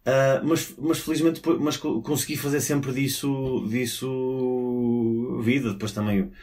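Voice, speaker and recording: A man's voice: mid-range voice, steady tone, measured pace, a little mellow. A man from Porto, a stand-up comedian, talking casually, rambling with fillers, restarts and swearing. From Porto, Portugal. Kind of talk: casual podcast conversation.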